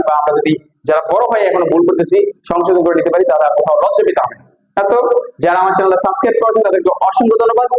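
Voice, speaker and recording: A man's voice: high-pitched, a little mellow. Bangladeshi man teaching pronunciation, echoey. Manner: drills words slowly with repetition. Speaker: English teacher. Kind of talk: pronunciation lesson. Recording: echoey room with faint noise.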